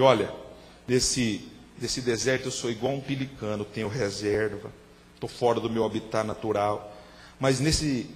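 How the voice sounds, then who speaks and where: Man, Brazilian Portuguese accent, pastor preaching, hushed to shouting, long church hall reverb. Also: mid-range voice, a little hiss or hum. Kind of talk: sermon.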